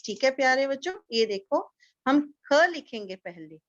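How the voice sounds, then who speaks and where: A woman teacher giving a slow, patient lesson to young children, repeating each word so they can echo it. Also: high-pitched, expressive, highs cut off. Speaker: kindergarten teacher.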